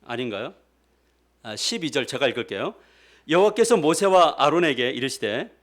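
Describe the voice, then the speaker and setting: A male pastor giving a sermon, asking his congregation questions as he goes. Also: fairly high pitch. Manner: animated preaching, asks the congregation questions. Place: church sanctuary.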